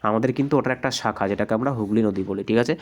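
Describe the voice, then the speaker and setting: A man with a hoarse voice from a cold, teaching an exam practice lesson and explaining answers step by step. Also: on the low side, quick pace. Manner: explanatory, repeats "ঠিক আছে?" often.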